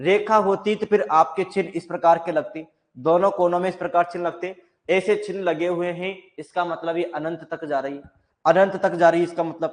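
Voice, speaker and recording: A man giving a maths lecture, explaining step by step and asking the class questions that he answers himself. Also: high voice. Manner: explains step by step, repeating key points as questions to students. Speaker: maths teacher.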